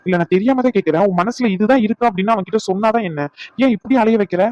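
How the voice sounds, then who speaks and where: Woman doing a blunt lecturing friend, talks quick. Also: mid-range voice, warm tone, no room sound, dull audio, close to an everyday voice.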